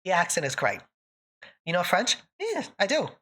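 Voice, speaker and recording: This livestream host, a woman from northern Canada, jokes and laughs a lot as she answers viewers in casual chat, using a thick accent that sounds put-on. She speaks at a moderate pace in a fairly low, husky voice with huge pitch swings and a bright, forceful tone.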